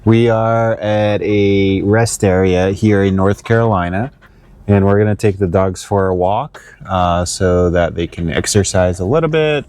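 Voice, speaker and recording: A man casually narrating a road-trip vlog, relaxed and rambling with lots of fillers. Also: deep voice, a little slow. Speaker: vlogger. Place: inside an RV and outdoors on the road. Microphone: smart glasses camera.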